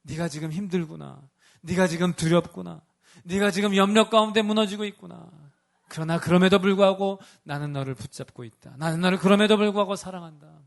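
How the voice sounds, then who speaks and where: Jesus, tender and reassuring, as a pastor voices him. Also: male voice, extremely high pitch, steady tone, brisk, gravelly, a bit bright, pitched above the performer's own voice, exaggerated voice. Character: compassionate, gentle Jesus reassuring a disciple.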